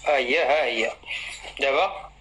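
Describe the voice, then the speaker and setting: Young Moroccan caller on a video call. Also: male voice, mid-range voice, measured pace, a bit bright, slight background noise, rough recording. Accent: Moroccan Arabic. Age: 20s. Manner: hesitant, fumbling with the app.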